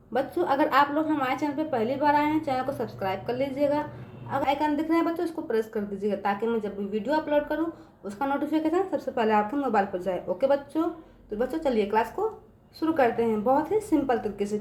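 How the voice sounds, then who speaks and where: A woman's voice: high-pitched, a little mellow. A woman teaching a lesson to children. She keeps asking questions and answering them herself, with frequent "okay, children" checks. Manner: repeats "ठीक है बच्चों" often, asks and answers her own questions. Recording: echoey room.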